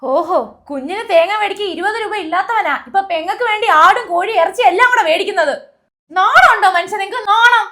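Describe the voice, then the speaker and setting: A woman's voice: extremely high pitch, fast, a bit bright. A woman playing a quarrelsome young wife and mother in a home-made comedy skit. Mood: scolding. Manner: nagging, quarrelsome.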